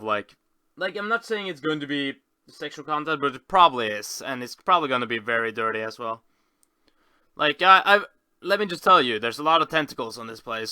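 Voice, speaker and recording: Giving a casual screen tour, a male video host rambles, stops short and corrects himself. His mid-range voice is very bright and forceful, with a clear, smooth tone, captured in a close, dry recording.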